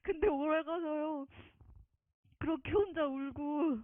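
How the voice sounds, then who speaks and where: A woman's voice: sits high, takes it slowly, dry recording. A woman giving an earnest, emotional personal faith testimony, often close to tears. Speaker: testimony speaker. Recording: tinny phone-like dry sound.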